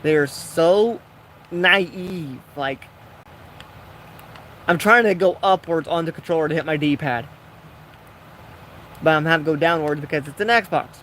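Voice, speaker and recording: A young man with a slightly higher voice gives loose, rambling commentary as he plays, chatting to himself and the game. A faint hum sits behind his voice. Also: measured pace, pauses often, a bit bright. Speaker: gaming vlogger. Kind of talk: casual gameplay commentary.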